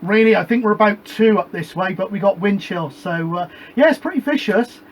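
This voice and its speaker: A British CB radio operator and show host chats casually on a CB net from his home shed, a radio room with a gas fire, rambling before handing each turn back to the others. His voice sits high and he speaks briskly. The audio is poor, with slight background noise.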